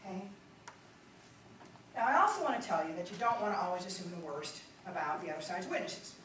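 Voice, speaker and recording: A woman and former public defender giving a speech to lawyers, telling stories in an animated way and checking in often with her audience. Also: on the low side, fairly quick, slight background noise. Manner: animated storytelling with frequent audience check-ins. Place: lecture hall. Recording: echoey hall, mic far away.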